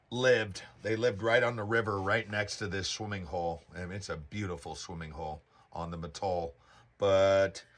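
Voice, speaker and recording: A man telling a personal spiritual story in a halting, rambling way with many restarts. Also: lowish voice, bright, forceful tone.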